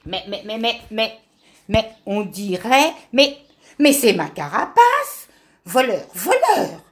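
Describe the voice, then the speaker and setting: A woman's voice: fairly high pitch, slow, a bit bright. A woman voicing a stubborn, sneezing female tortoise in a children's storybook, speaking in cross, indignant bursts. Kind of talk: storybook character voice.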